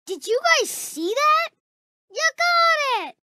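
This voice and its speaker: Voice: very high voice, very animated, slow, bright, forceful tone, a little hiss or hum, exaggerated voice. A young-sounding performer voicing a sweet, playful little kangaroo child in a video game, eager and full of exclamations. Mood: excited. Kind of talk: video game character voice clips.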